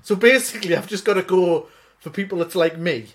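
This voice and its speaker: A man's voice: sits high, brisk. A man, co-hosting a beer podcast in jokey casual chat. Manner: jokey, animated banter. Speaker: podcast co-host.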